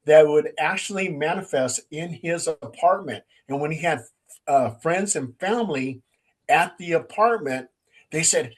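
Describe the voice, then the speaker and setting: Animated storytelling man. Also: fairly high pitch, measured pace, low-quality recording. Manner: animated storyteller who acts out quotes. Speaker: paranormal investigator and co-host. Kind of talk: casual storytelling chat.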